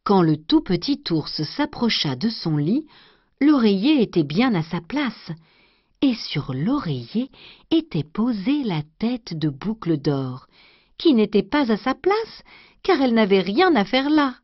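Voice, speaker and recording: A woman storyteller doing an expressive scripted storybook narration. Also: mid-range voice, measured pace, no room sound. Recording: dry, dull lo-fi recording.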